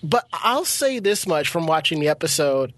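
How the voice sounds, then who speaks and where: A man's voice: fairly high pitch, very animated, moderate pace, fairly bright tone, a little hiss or hum. Easygoing podcast co-host man. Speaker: podcast co-host and audio handler. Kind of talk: casual chat.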